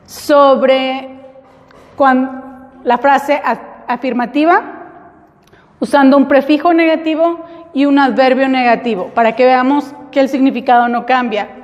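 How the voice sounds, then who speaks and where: Slow-drilling woman English teacher. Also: high voice, a little mellow, long reverb tail, highs cut off. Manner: slow, clear drilling with repeat-after-me prompts. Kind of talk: classroom lesson in Spanish.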